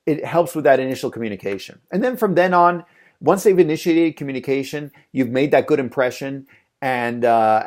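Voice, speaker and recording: A man whose first language is English teaches a casual course on freelance translation. His medium-pitched voice is a little mellow, and his spoken tutorial is loose and conversational, full of fillers and repeated phrases.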